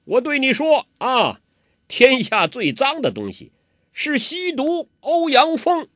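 A man's voice: medium pitch, big pitch swings, measured pace, a bit bright, breathy edge, dry recording, clean studio sound, full character voice. A man voicing an old male beggar martial arts master with coarse, scolding, chuckling speech. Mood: loud, mocking.

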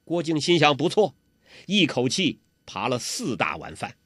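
A man narrating a martial arts tale as a storyteller in an animated, expressive recital. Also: medium pitch, moderate pace, breathy edge, no echo.

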